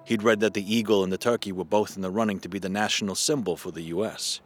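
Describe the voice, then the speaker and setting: A man reading a story aloud in calm, measured, low-key narration. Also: soft background music. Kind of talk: scripted narration.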